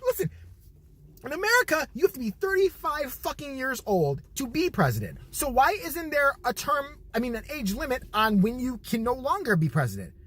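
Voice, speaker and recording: A man's voice: very high voice, huge pitch swings, moderate pace, a bit bright, breathy edge. A man in his forties giving a rambling, profane comedic rant to camera. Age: 40s. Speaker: vlogger.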